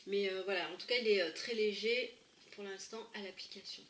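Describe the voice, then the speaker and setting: Recorded at home in an echoey room with the camera somewhat distant, a woman speaks at a medium pitch and a brisk pace. She's a beauty vlogger nursing a head cold, chatting through a makeup tutorial with plenty of fillers, hesitations, and restarts.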